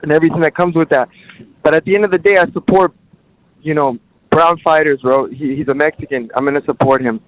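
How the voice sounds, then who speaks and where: A man phones in to a talk show from behind the wheel, his voice sitting high and dry. He rushes his points and swears casually as he speaks. Now and then he drifts away from the car phone's mic. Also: fairly even intonation, no echo, poor audio. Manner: hurried, blunt, swears casually. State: calling in by phone while driving a car. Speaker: caller to a call-in show. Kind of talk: casual call-in chat.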